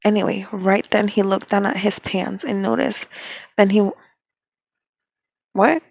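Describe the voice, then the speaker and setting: A woman's voice: mid-range voice, measured pace, vocal fry, a little mellow, slightly rough, dry recording, poor audio. A young woman casually reading a story aloud, giggling, flustered and stumbling over lines. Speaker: fanfic reader.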